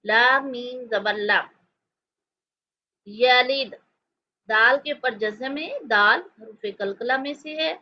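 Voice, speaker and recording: A woman teaching Quran reading step by step, explaining each letter and then reciting the words slowly and drawn out. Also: sits high, muffled recording.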